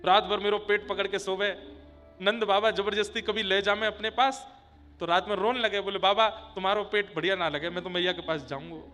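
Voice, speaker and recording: A man's voice: high voice, fairly even intonation, moderate pace. A preacher voicing a tender worried mother. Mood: fussing. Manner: soft, tender, fussing. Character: loving worried mother, middle-aged woman, tender. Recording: long hall reverb with faint music.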